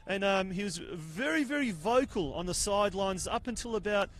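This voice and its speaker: High-voiced Australian football commentator. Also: male voice, expressive, moderate pace. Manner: rambling, filler-heavy, gets loud on near-misses. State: cold, jaw clicking. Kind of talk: live match commentary. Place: outdoor grandstand commentary spot.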